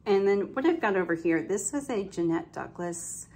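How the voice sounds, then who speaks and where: A woman's voice: medium pitch, animated, normal speed, darkish tone, a little hiss or hum. A woman vlogging about her cross-stitch projects in a casual, rambling show-and-tell way, with lots of ums and self-corrections, a bit congested. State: slightly congested, coughing now and then.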